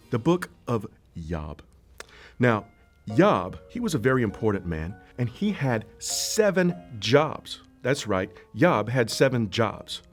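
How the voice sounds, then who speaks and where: A grandiose, fussy host figure in a comedy skit, played by a man. His pitch swoops widely as he lays each phrase out with lofty over-deliberation. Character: pompous self-important male advice-show host.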